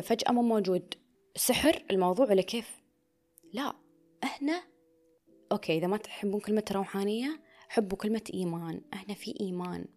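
A woman's voice: medium pitch, a little mellow. A woman speaking in an intimate, confessional way, often dropping to a near whisper and slipping into English phrases. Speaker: vlogger. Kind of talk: personal confessional monologue.

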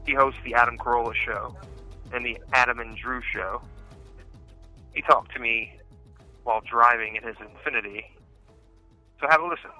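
A man hosting an interview over a collect call from a prison payphone, talking casually and haltingly with lots of fillers. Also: mid-range voice, sharp tone. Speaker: podcast host and prisoner. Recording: muffled, dry phone line with faint music.

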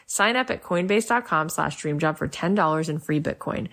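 A woman's voice: sits low, lively intonation, moderate pace, vocal fry, fairly bright tone. A woman reading scripted sponsor ads as a podcast host, in a promotional manner. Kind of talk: scripted ad read.

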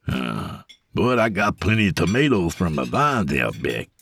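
A man playing a slow, gruff old grandfather. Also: low voice, very animated, fairly bright tone, full character voice. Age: older. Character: weary old grandfather cook, gruff and kind.

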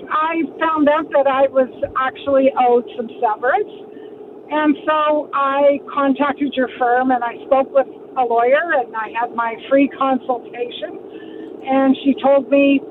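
A woman calling in to a radio show on a car speakerphone, telling her story in a plain, unhurried way. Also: high-pitched. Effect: car speakerphone over a phone line. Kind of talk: casual call-in chat. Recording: tinny phone line with car road noise.

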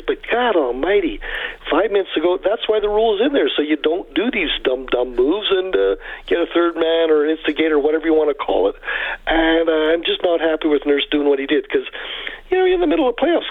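Canadian guy phoning into sports radio, husky, highish voice, exasperated, thin phone sound. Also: no echo, narrow, tinny audio. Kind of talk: casual opinionated sports talk.

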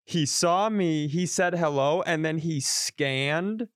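A man co-hosting a podcast over a video call rambles casually through a self-deprecating story, restarting often. He speaks slowly in a fairly high, clean voice through a podcast mic, and the sound is clean studio quality with no room sound.

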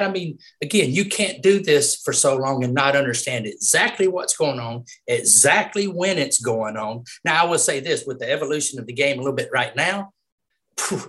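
A man's voice: mid-range voice, a bit bright. A middle-aged man with a Southern US accent, a retired umpire talking as a guest in a casual interview. He tells stories emphatically and laughs often.

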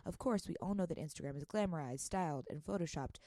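Low voiced lady podcast cohost, casual chatty, dry close recording. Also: fast talker, warm tone, no room sound. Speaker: podcast co-host. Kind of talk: casual chat.

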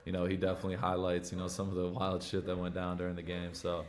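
Deep-voiced American frat-bro guy. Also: monotone, fast talker. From Michigan, USA. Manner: frat-bro talk, slangy and profane, with bro and dude. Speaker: pro football player on his own podcast. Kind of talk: casual podcast chat.

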